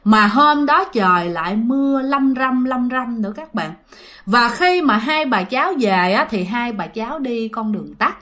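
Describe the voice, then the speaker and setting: A woman with a Southern Vietnamese accent talks her listeners through a ghost story in a chatty, direct way. Her slightly high voice has lively intonation and sounds pushed and bright, though she doesn't hurry.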